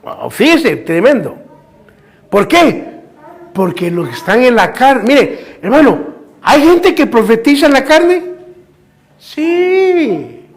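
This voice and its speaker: A man's voice: very high voice, sing-song, unhurried. A man preaching a fervent sermon in church as pastor, firing rhetorical questions and calling his listeners brother.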